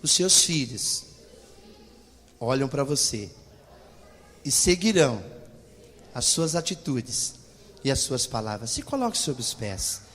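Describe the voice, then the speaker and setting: A man's voice: medium pitch, sing-song, takes it slowly, long pauses, a bit bright, husky. A middle-aged man, preaching a sermon as pastor and speaking directly to his congregation. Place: church hall. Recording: long church reverb.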